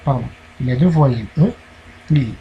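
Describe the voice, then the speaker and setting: A man with a Moroccan accent, teaching a primary school French lesson, explaining slowly and repeating key words. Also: medium pitch, muffled recording, slight background noise.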